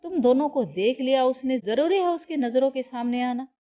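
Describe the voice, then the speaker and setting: A woman's voice: high voice, normal speed, highs cut off, pitched above the performer's own voice, natural voice. A woman voicing a firm, commanding older mother-in-law in a read-aloud family story. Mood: stern.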